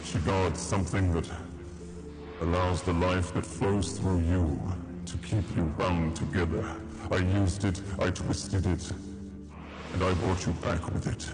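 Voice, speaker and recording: A man voicing an ancient spirit inside a mortal's head in a tabletop game, with slow, theatrical menace. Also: low-pitched, flat delivery, over music, pitched below the performer's own voice. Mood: ominous, menacing. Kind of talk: tabletop role-play acting.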